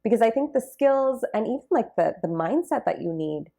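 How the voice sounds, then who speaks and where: A woman's voice: a little high, sing-song, brisk, vocal fry, dark tone. A young woman being interviewed about her dance journey, talking in a reflective, casual way with many fillers. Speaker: interview guest, Bharatanatyam dancer.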